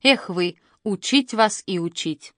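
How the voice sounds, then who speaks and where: A woman's voice: medium pitch, expressive, slow pace, fairly bright tone, no room sound, clean studio sound. A woman voicing an older grandmother in a storybook reading, strict and reproachful in manner. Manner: scolding, reproachful.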